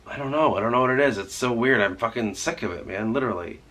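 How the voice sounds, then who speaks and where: A man's voice: mid-range voice, fast talker, fairly bright tone. A man with a stuffy nose and sore throat, rambling and swearing casually in a vlog. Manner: rambling, heavy swearing, many "like"s. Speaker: writer vlogging.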